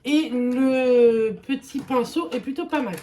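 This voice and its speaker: A young woman talks her way through a makeup test in a relaxed vlog, pausing often with little fillers. Her voice sits a bit high, with a faint hiss of noise under it. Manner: chatty, hesitant with many fillers. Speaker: beauty vlogger. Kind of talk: casual makeup vlog chat.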